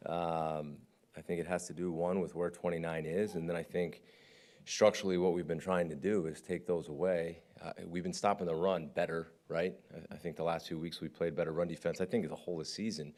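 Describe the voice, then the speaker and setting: Male defensive coordinator, very deep voice, frank press-conference talker. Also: level tone, a little fast, a little mellow. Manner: candid, conversational, often asks "right?".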